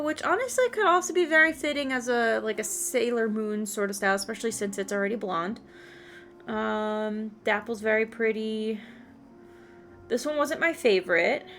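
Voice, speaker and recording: A woman's voice: fairly high pitch, fairly bright tone. A woman chatting casually on a game livestream, rambling and thinking aloud as she plays. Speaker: game streamer.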